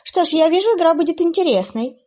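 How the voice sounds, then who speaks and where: A woman's voice: very high-pitched, animated, quick pace, darkish tone, pitched above the performer's own voice. A woman voicing a cruel, playful female demoness who taunts her captive in a raised, sing-song voice for an audiobook. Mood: gloating.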